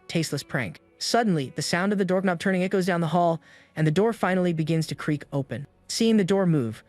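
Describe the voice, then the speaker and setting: A man giving a steady, scripted third-person narration of a comic story recap. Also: fairly high pitch.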